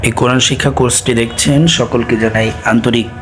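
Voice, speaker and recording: A man teaching Quran reading, spelling words out letter by letter in a slow, repetitive drill and frequently saying "ah" between phrases. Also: mid-range voice, steady tone, a bit bright, soft background music. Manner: frequent filler "ah". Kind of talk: spelling lesson, recited letter by letter.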